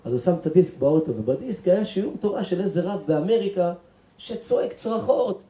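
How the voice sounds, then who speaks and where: A high-pitched rabbi with a mellow tone tells a dramatic story in a sermon. He acts out each character, sometimes hushed and sometimes shouting, in an echoey room. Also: lively intonation. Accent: Israeli Hebrew. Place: synagogue or event hall.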